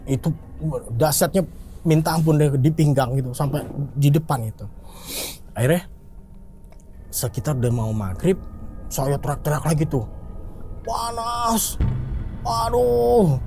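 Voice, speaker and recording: A man telling a story casually, his voice jumping high as he relives the pain. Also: moderate pace, long pauses, warm tone, a little hiss or hum. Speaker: interviewee telling a ghost story.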